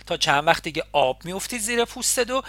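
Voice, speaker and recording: A woman's voice: on the low side, lively intonation, a bit bright, no echo, voice pushed up. A woman voicing a talkative, nosy Isfahani neighbor in her forties, speaking with an Isfahani accent in a fussing, effusive way. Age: 40s.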